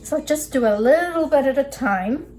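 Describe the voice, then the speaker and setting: Her voice sits high, with a darkish tone, animated delivery and a moderate pace. This woman is instructing through a relaxed cooking demonstration at a work table indoors, narrating each step of her hand work over clear kitchen background noise.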